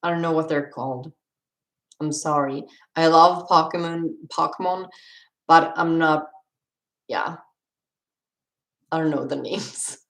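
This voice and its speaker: A woman's voice: deep voice, steady tone, slow pace, creaky, pauses often, echoey room. A young woman from Sweden with a Swedish accent, chatting casually on a live stream as she answers viewer questions and laughs often.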